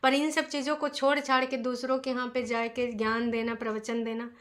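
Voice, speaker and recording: A woman's voice: on the high side, level tone, brisk, a bit bright. A woman vlogger giving opinionated commentary in a chatty way, often posing rhetorical questions to her viewers.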